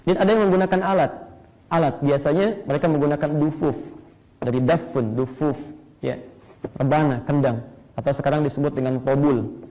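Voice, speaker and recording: A male Islamic preacher giving a lively lecture sermon, quizzing his listeners and chanting Arabic verse meters to make his points. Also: a little high, brisk, poor audio. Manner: asks audience rhetorical questions.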